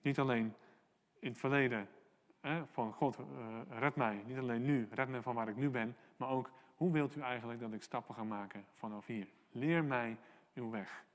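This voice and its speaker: A man preaching a sermon as pastor, earnest and encouraging, pausing often with "eh" and "ehm" and reading out prayers from the psalm. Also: mid-range voice, long reverb tail. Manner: earnest, encouraging, many hesitations and quoted prayers. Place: church hall.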